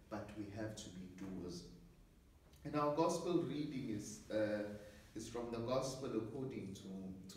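A man's voice: mid-range voice, a little mellow, slight background noise. A middle-aged man, an assistant parish priest giving an earnest sermon preparation talk, often repeating words as he thinks, seated in a small study. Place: small study with bookshelves, indoors. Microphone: camera at a distance. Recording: echoey room, voice from far off.

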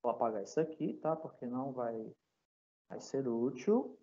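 In a recorded live online English class, from a classroom or home, a man with a Brazilian Portuguese accent spells out letters patiently and constantly checks that his students are keeping up. His mid-range voice is expressive and dark at a normal speed, and the recording is muffled.

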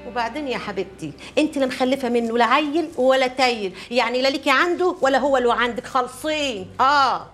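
Brief: sharp-tongued neighbor woman, quick and high, scolding with folk sayings. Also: faint music behind. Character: gossipy working-class neighbor woman, blunt. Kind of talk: TV drama acting.

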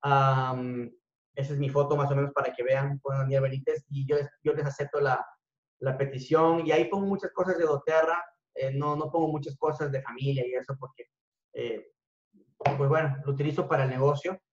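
Animated man telling a story in a hall. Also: medium pitch, brisk. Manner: animated, shifts between loud and hushed. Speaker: speaker at a business talk. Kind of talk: motivational storytelling to an audience. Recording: echoey room, dull lo-fi sound.

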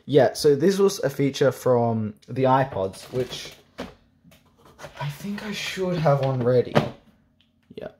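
A man's voice: medium pitch, animated, slow pace, long pauses, noisy background. A young man casually reviewing an old device, with sarcastic jokes and offhand asides. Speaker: tech reviewer. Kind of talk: casual tech review vlog.

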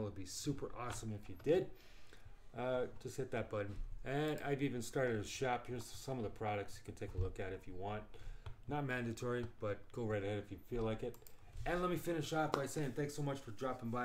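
Chatty, slightly hoarse gaming host man. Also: medium pitch, a little fast, a little hiss or hum. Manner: relaxed, chatty, thinking aloud. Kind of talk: casual gameplay commentary.

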